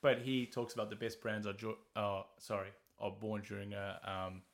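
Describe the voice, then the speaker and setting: A man's voice: on the low side, flat delivery, moderate pace, gravelly. A man co-hosting a podcast, talking frankly and at length with casual swearing. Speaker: podcast co-host.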